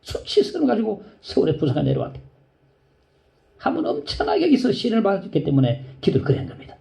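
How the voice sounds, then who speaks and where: A male pastor preaching a sermon, telling a story in a low voice and rising to high, pleading cries. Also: wildly swooping pitch, fast, vocal fry, dark tone.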